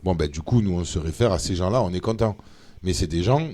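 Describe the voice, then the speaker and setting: A man, a member of parliament, talking as a guest in a casual interview, animated and full of hesitations. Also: deep voice, brisk. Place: studio of a streamed show.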